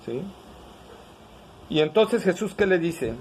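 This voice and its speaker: A man preaches in a fairly high voice, lively and questioning. He keeps asking his listeners for answers. Faint noise sits under his voice. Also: slow pace, low-quality recording. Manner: animated preaching, asks the congregation questions. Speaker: pastor. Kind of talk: sermon.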